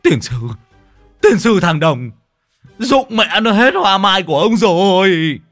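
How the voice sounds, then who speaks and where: A man voicing a big, furious old man who shouts curses. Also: high-pitched, very animated, unhurried, creaky, husky, no room sound, faint music behind, voice pushed up, heavily acted.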